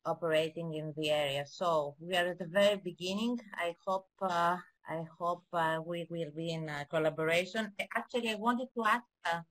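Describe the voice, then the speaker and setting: Woman, bad video-call connection, somewhat low voice, hesitant with many fillers, webinar presenter. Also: moderate pace, hardly any pauses, a bit bright. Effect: poor video-call connection. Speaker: project partner presenting.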